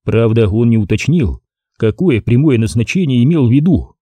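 Dark, husky-voiced male narrator. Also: mid-range voice, lively intonation, normal speed, no echo. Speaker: audiobook narrator. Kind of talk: first-person audiobook narration.

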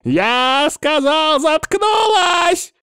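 Old healer guy, furious and bitter, swings all over the place pitch-wise, slow and drawn out, a man putting him on. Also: sing-song, vocal fry, dry recording, studio quality, full character voice. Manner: shouting, strained and drawn-out.

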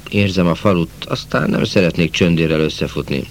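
A jolly young peasant soldier, acted by a man reading a storybook chatters away in a folksy voice. His tone lifts above the reader's deep everyday voice. A faint hiss sits behind it. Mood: eager. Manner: lively, folksy, talkative.

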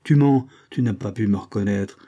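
A man's voice: on the low side, moderate pace, mellow, slightly rough, highs cut off. A man voicing a brutish, menacing male showman in an audiobook, speaking in a blustering, threatening way. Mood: rattled.

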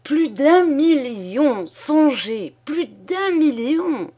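A woman voicing a jubilant, blustering middle-aged father in an audiobook, talking loudly in bursts of exclamation. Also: fairly high pitch, sing-song, a little slow, pitched above the performer's own voice. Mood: overjoyed. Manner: exclamatory, loud, boisterous. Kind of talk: audiobook character voice.

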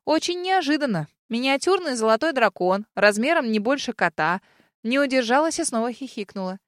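A woman reading a fantasy audiobook in the first person, with a lively, amused delivery. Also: fairly high pitch, a little fast, no room sound, studio quality. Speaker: narrator.

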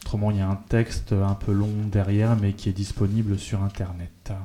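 A man's voice: fairly low pitch, little pitch movement, a little fast, dark tone, slight background noise. A man presenting announcements on a community radio show, hesitant with many fillers.

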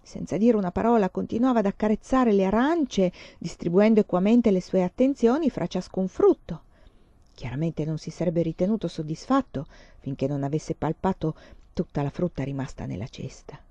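A woman reading a novel aloud in lively, dramatic storytelling. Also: fairly low pitch, normal speed, no room sound, highs cut off. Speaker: reader. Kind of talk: audiobook narration.

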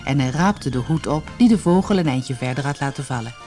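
A woman's voice: extremely low pitch, animated, brisk. A woman narrating a children's fairy tale in a scripted storybook reading, lifting her voice for the characters' lines. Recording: soft music behind the voice.

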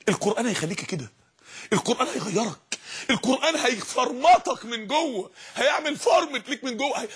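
High-pitched fervent Egyptian preacher. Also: male voice, slightly rough. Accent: Egyptian Arabic. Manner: fervent, rising to shouts on key phrases; dramatic storytelling with rhetorical questions. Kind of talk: impassioned sermon.

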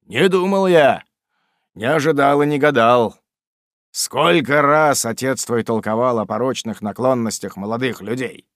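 A man voicing old Mr Weller, an elderly father who scolds and laments over his son in a loud, slow, emphatic way. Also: mid-range voice, no echo, clean studio sound. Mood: reproachful.

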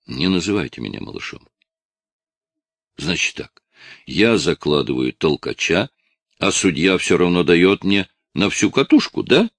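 A man's voice: deep voice, sing-song, measured pace, long pauses, no echo, studio quality, full character voice. A man voicing a young male drug addict under arrest, anxious and whiny in manner. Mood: defiant.

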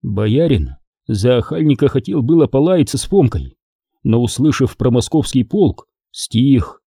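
A man reading a historical novel aloud in steady, scripted audiobook narration. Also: mid-range voice, measured pace, creaky, husky, no echo, clean studio sound.

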